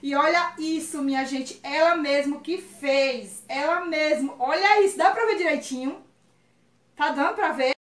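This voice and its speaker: A woman's voice: high voice, measured pace, echoey room. A woman from Ceará with a Northeastern Brazilian accent, chatting effusively and exclaiming often as she unboxes on her vlog. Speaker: vlogger.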